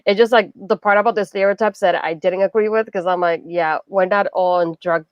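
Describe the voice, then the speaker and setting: A woman's voice: medium pitch, brisk, clear, resonant tone, no room sound, lo-fi sound. A Puerto Rican woman with a Puerto Rican accent, chatting casually in a book discussion and filling her talk with "like". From Puerto Rico. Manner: chatty, frequent "like", animated asides. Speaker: book club co-host.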